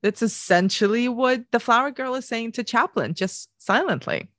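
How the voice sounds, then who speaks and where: A woman's voice: fairly high pitch, moderate pace, no room sound, clean studio sound. A woman, co-hosting a podcast and talking through a film in a casual, earnest way with lots of restarts. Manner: earnest, animated, many restarts. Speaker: podcast co-host.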